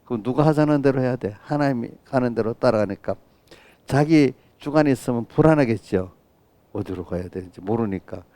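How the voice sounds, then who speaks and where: There's no room sound as a middle-aged pastor leads an early-morning sermon, chatting with the congregation, often asking "right?", and performing quoted lines from children and God in his own voice. His mid-range voice has a dark tone and moves a little fast.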